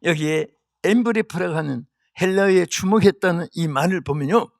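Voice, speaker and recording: An older man preaching a sermon as pastor, with emphatic delivery that swings from hushed to shouted. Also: high voice, brisk, creaky, dry recording, clean studio sound. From South Korea.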